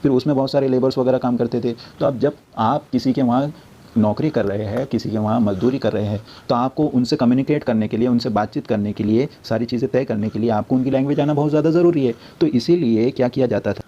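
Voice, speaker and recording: A man teaches a class, putting questions to his listeners and answering them himself while he goes over each point again. His voice is mellow and dark. The recording sounds dull and lo-fi. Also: medium pitch, quick pace. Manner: repetitive, explanatory. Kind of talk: classroom lecture.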